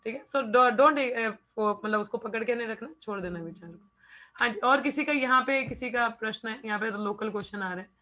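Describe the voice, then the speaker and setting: A woman's voice: on the high side, brisk, pushed and bright. A young woman patiently explaining spiritual practice in an informal class, slipping in English phrases. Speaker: devotional class speaker.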